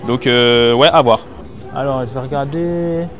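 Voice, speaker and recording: A man's mid-range voice, unhurried and fairly bright, carries this casual vlog from busy market stalls. Thinking aloud in informal, slangy French, he reviews goods for his viewers while shopping. A hidden mic records him candidly on location with music behind.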